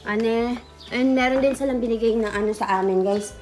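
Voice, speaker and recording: A woman's voice: a little high, a little fast. Young woman, casual mom vlogger, cooing sing-song baby talk, faint music bed. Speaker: vlogger and mother. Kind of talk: casual family vlog chat.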